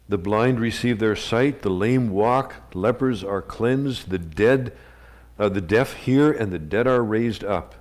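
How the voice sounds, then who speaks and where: Low-voiced man preaching a conversational sermon. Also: darkish tone. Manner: conversational storytelling with asides and chuckles. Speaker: pastor. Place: church sanctuary. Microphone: livestream recording of a live service.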